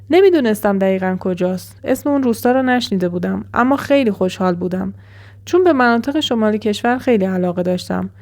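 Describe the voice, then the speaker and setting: Woman telling a horror story. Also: mid-range voice. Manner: even, measured first-person storytelling. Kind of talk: scripted horror story narration.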